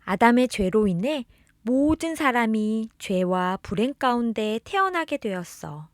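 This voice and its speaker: With a mid-range voice in clean studio sound without echo, a woman reads a scripted children's religious storybook of catechism tales. She narrates expressively, speaking to the listener as a beloved child.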